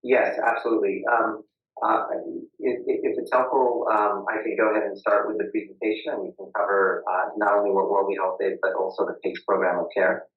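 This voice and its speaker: A man gives formal testimony over a video call, stopping often with uhs and ums. His voice is low and muffled, like he is speaking into a tin can. The audio is dull and lo-fi with a roomy echo. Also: flat delivery, a little fast. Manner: hesitant, restarts with uh and um. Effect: muffled tin-can sound, as if talking into a can. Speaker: witness at a public hearing. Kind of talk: formal testimony with many fillers.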